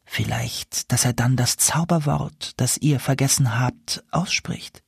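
A man voicing an enchanted princess turned into an owl, speaking in a plaintive, soft, husky voice. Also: mid-range voice, slow pace, no room sound, clean studio sound, pitched above the performer's own voice, full character voice. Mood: confiding.

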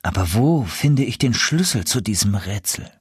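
A man playing a young caliph turned into a stork, speaking in an earnest, urgent, husky voice. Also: on the low side, expressive, normal speed, dry recording, studio quality.

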